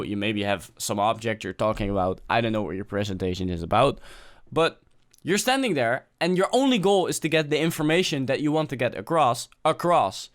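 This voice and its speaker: A young man speaking at an ordinary mid pitch, talking off the cuff to camera. His delivery is relaxed and conversational, full of small fillers and restarts. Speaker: vlogger giving presentation tips. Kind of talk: unscripted casual talk to camera.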